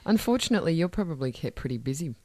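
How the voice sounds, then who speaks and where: Talking very fast with big pitch swings, this woman has a low, dark-toned voice, and the recording is rough. She's an Australian radio host from northern New South Wales, interviewing someone in a studio on a studio microphone, and she sounds chatty and enthusiastic, with small restarts.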